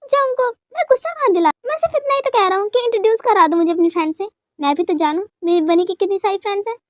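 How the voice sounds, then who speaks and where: A woman reading a boyish young husband in a dubbed fan story, begging and apologising in a very high, thin voice. The sound is close and dry, with no room around it. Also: fast talker, no room sound. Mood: pleading. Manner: coaxing, soft begging.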